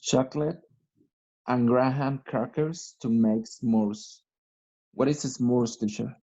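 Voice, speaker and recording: Man, slow careful reading, muffled call audio. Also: medium pitch, mellow. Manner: hesitant reading aloud, asks about words. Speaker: student.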